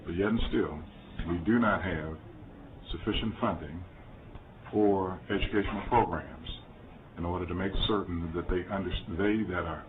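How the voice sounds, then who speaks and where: A man, a senator, making slow, deliberate committee remarks with pauses and "uh"s. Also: low-pitched. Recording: phone-like with clear hiss.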